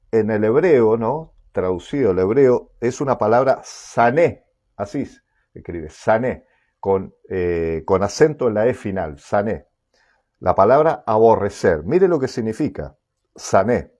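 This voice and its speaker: A man's voice: medium pitch, a little mellow, muffled recording. A man preaching a sermon, repeating words and checking in with his listeners, full of "eh" fillers. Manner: repeats words and asks "¿sí?" often, with many "eh" fillers.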